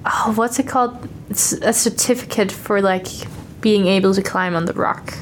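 A young Danish woman, a native speaker with a Danish accent, talks upbeat and chattily in a casual interview about her exchange studies. Her mid-range voice moves at normal speed, and the low-quality recording carries a little hiss or hum.

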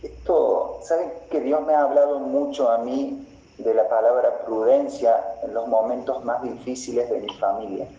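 A man preaching a sermon as pastor, slow and deliberate, repeating phrases for emphasis. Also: mid-range voice, steady tone, warm tone. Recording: roomy, slightly dull recording.

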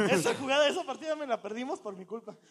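A man's voice: extremely high pitch, expressive, fairly quick, fairly bright tone, breathy edge. A young man with a Mexican accent telling a story to friends in a casual, slangy way, acting out the voices he quotes. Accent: Mexican Spanish.

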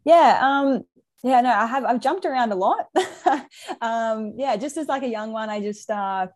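A woman's voice: a little high, expressive, measured pace, a little mellow. A woman in her twenties with a Queensland Australian accent, chatting informally as a soccer player being interviewed. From Brisbane, Australia. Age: 20s. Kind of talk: casual chat.

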